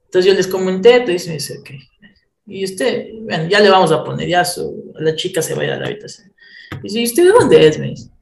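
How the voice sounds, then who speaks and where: Animated Ecuadorian man, roomy echo. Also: high-pitched, a little fast, gravelly. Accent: Ecuadorian Spanish. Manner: animated, laughs while telling stories. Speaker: guest. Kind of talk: casual storytelling chat.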